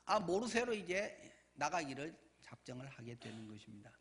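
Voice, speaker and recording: A male pastor giving a sermon, telling the story in a lively way and acting out the voices of the people in it. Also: a little high, moderate pace. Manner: animated storytelling, acts out voices.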